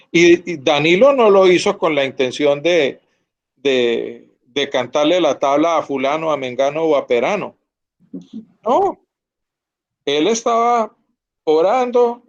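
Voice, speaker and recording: A man's voice: fairly high pitch, lo-fi sound. A man teaching an online Bible class, earnest and often checking that his students follow. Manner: earnest, asks students to confirm.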